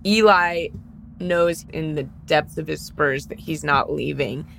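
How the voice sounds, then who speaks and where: A woman with a lowish voice plays a tabletop game, working out a scheme aloud in a casual way. A faint hiss sits behind her. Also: slow pace, creaky, fairly bright tone. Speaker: player.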